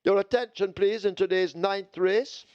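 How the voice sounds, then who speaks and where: A man giving formal race-day announcements as a racetrack announcer, heard through a megaphone-like public address. He speaks in a measured way and repeats the key details. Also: sits high, steady tone, darkish tone, clean tone. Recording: dull, lo-fi PA sound.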